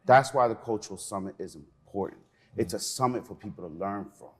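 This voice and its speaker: A middle-aged man from Peru who grew up in New York speaks as an interview guest in a lowish, fairly quick voice with a breathy edge. He manages cultural programs at a museum and comes across as earnest and passionate.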